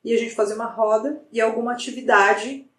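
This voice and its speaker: A middle-aged woman, a psychologist guest, telling a story in a lively way with many restarts. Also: fairly high pitch, brisk, far from the mic. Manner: animated retelling with frequent restarts. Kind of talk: conversational storytelling in an interview. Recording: roomy sound from off the mic.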